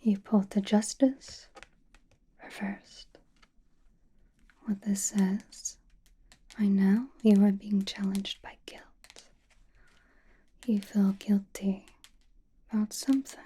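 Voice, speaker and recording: A woman playing a mysterious, powerful witch who reads tarot in an ASMR roleplay, whispering slowly in a calm, knowing, soothing way. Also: medium pitch. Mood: musing, gentle. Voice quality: breathy, whispered. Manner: slow, deliberate, soothing personal attention.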